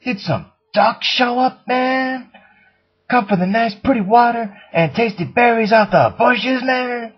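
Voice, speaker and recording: A man's voice: extremely high pitch, slow pace, breathy edge, full character voice. A man voicing a laid-back, rambling stoner homeowner in a comedy ad sketch, drawling and tacking "man" onto every phrase. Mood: rambling, annoyed. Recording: dull lo-fi recording.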